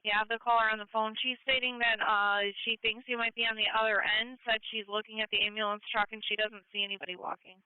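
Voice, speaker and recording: A woman dispatching emergency units with a very clean, smooth voice. The sound is dry and thin, like a radio channel. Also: on the high side, little pitch movement, fast talker, hardly any pauses, no echo, narrow, tinny audio.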